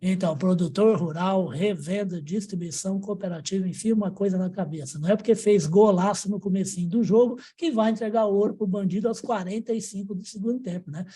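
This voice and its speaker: A man's voice: high voice, brisk, few pauses, mellow, slightly rough. A man hosting an interview show, talking emphatically in a folksy way with football idioms. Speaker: podcast host.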